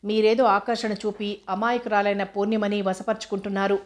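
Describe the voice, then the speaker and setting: A woman's voice: mid-range voice, level tone, brisk, natural voice. A woman reading the part of a jealous, hot-tempered husband confronting a rival. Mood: indignant. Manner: angry, confrontational.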